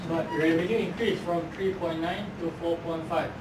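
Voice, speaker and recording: Man, informal meeting participant, high-pitched, recorded with echo and clear background noise. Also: fairly even intonation, normal speed. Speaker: participant at a mock company meeting. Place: indoor room, far from the mic. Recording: echoey room, distant mic, background noise.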